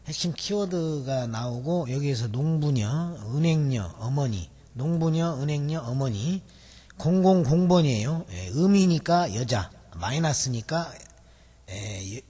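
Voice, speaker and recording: Guy teaching memorization in a video lecture, slightly high husky voice, lots of um and uh, echoey hall. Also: expressive, a little slow, warm tone. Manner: explains step by step, with many fillers. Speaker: memory-technique instructor. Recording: long hall reverb.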